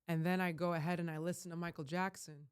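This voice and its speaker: A woman's voice: fairly low pitch, steady tone, quick pace, smooth. Impassioned ranting woman vlogger. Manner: emphatic, ranting, surging to loud peaks; rambling with frequent restarts. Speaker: life coach. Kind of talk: impassioned vlog monologue.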